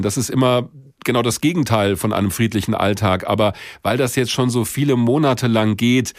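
Calm low-voiced radio interviewer. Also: male voice, no echo, clean studio sound.

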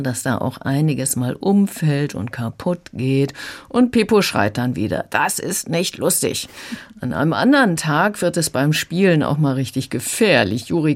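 Calm audiobook reviewer. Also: mid-range voice. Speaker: book reviewer. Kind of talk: radio review conversation.

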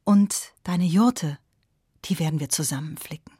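A kindly old farmer father, speaking low and half-whispered, as a woman storyteller puts him on. The sound is dry and close, with no room around the voice. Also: measured pace, a little mellow, dry recording. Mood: comforting.

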